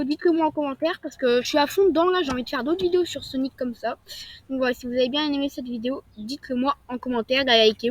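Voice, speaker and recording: High-voiced woman rambling through a tutorial. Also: no room sound, low-quality recording. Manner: rambling, peppered with "donc voilà" and "hop". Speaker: video game tutorial creator. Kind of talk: casual screen-recorded game tutorial.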